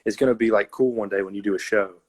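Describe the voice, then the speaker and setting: A man's voice: fairly low pitch, fairly even intonation, quick pace, darkish tone, slightly rough. A man calling into a livestream as a fan, talking earnestly and rambling with lots of fillers. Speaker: fan caller. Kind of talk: casual chat. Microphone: joining a phone livestream.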